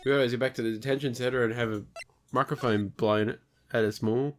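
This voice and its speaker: A man co-commentating a let's play, making slow joking asides. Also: medium pitch, fairly even intonation, slight background noise. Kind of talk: casual gaming commentary. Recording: game music behind the voice.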